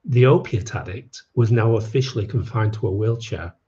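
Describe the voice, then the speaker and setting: A man's voice: on the low side, normal speed, warm tone, dull audio. A man telling his own life story to an audience, with wry, self-mocking asides. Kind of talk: personal storytelling talk.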